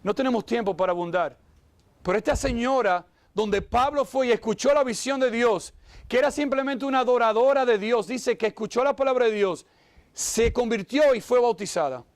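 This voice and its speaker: A pastor with a high-pitched voice gives an animated sermon at normal speed, exclaiming "wow" often and pausing to ask his listeners direct questions. He slips into brief acted-out voices of Bible figures from the story. There's no room sound.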